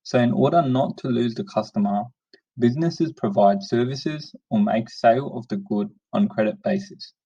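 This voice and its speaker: A man reading a prepared script as a steady, plain narration over a lo-fi screen recording. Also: medium pitch, creaky, breathy edge. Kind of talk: read-aloud screencast narration. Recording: dull lo-fi sound, distant from the mic.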